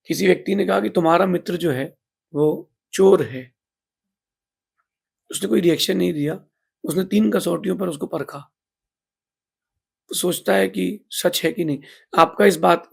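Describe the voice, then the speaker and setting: A man giving a moral sermon as a monk, speaking emphatically with swells and drops in loudness. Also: high voice, creaky, husky. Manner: emphatic, rising and falling in loudness.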